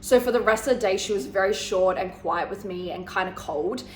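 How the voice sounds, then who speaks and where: A woman's voice: medium pitch, fairly quick, a little mellow. A woman giving casual relationship advice to her viewers, blunt and sweary, often checking in with "okay?" and "guys". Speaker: relationship vlogger. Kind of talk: casual advice monologue to camera. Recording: echoey room with faint background hiss.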